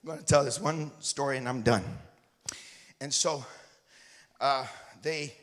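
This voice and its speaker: A man's voice: medium pitch, fairly even intonation, unhurried, fairly bright tone. A man, a missionary preacher, telling a folksy, joking story to his congregation during a sermon. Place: church sanctuary. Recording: reverberant church hall.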